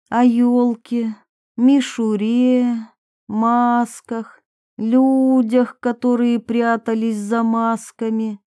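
A woman narrating an audiobook in a slow, even way. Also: fairly high pitch, dry recording, studio quality.

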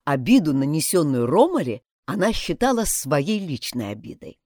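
A woman narrating an audiobook in an expressive, dramatic way. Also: low voice, moderate pace, no echo, studio quality.

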